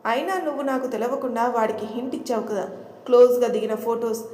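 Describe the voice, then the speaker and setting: A woman's voice: a little high, brisk, warm tone, lightly acted. A woman voicing a smug, mocking male villain who schemes in an audio story. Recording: echoey room with long reverb.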